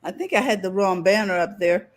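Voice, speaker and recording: A woman hosting an interview, friendly and quick to laugh along. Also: medium pitch, slight background noise. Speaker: host. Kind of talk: casual interview chat.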